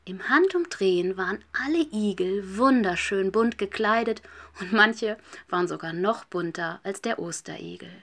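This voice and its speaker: A woman reading a children's story aloud, gentle and soft, often dropping to a whisper. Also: mid-range voice, animated, normal speed, hardly any pauses.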